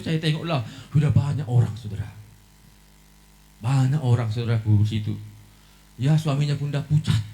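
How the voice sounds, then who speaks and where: A pastor preaching a sermon, telling a story, acting out its scenes and calling out to the congregation again and again. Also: male voice, medium pitch, dark tone.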